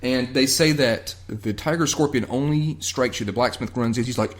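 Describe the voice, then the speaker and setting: A man's voice: mid-range voice, moderate pace. A man hosting a podcast, casually recapping a TV episode in a loose, profane way with lots of fillers. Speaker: podcast host.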